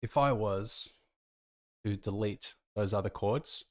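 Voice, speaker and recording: Speaking slowly in a fairly low voice, a man tutors casually on music production and talks through every step of the tutorial. The track's music is faintly audible behind him.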